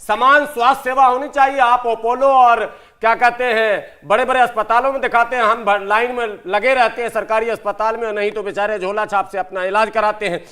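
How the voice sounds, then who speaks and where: A man who is a panelist in a heated TV debate, talking loudly over the others. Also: very high-pitched, steady tone, fairly quick. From Bihar. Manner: loud, talks over others.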